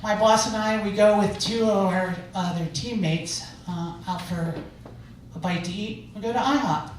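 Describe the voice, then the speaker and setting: A woman comedian on stage tells her stories in a chatty way and lands each punchline with a rhetorical question. The recording is very echoey and heard from far off. Audience laughter and room noise come through clearly behind her. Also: mid-range voice, normal speed. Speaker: stand-up comedian. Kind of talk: stand-up storytelling. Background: audience laughter and room ambience.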